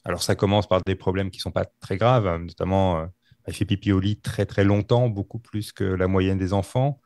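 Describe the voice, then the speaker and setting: A man telling a true-crime story on a podcast, halting with many fillers and restarts. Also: sits low, steady tone, darkish tone, dry recording, clean studio sound. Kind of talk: casual storytelling.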